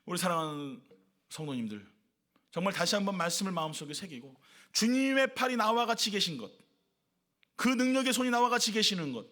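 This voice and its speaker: A man's voice: high-pitched, animated, a little fast, bright, forceful tone. A man pastor preaching a sermon at a church worship service, emphatic, stacking rhetorical questions and repeated lists.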